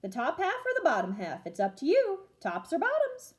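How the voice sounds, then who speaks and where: A woman's voice: extremely high pitch, wildly swooping pitch, moderate pace, pitched above the performer's own voice, full character voice. A woman voicing a clever, eager male hare from a children's storybook, coaxing and exclaiming like a salesman. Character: clever, eager male hare, fast-talking trickster neighbor.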